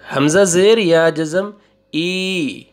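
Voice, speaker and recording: Slow-spelling male Quran teacher. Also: on the high side. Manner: slow and drawn out, spelling syllables one by one, then repeating them; corrects wrong readings with a flat "wrong". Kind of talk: slow spelling-out recitation lesson.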